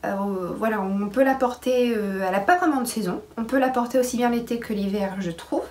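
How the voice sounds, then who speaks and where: A pregnant woman chatting casually to camera about her sewing, with many pauses and restarts. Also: a little high, darkish tone. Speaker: sewing vlogger.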